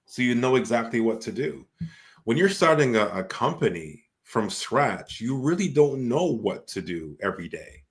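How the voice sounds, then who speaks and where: A man's voice: medium pitch, sing-song, moderate pace. A man hosting a casual talk as an entrepreneur, speaking reflectively and often filling with "like". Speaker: host and entrepreneur.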